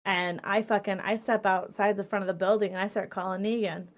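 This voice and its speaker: A young woman hosting a casual chat, telling a bar story in a profane, animated way. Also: medium pitch, a little fast. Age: young adult. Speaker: podcast host and streamer.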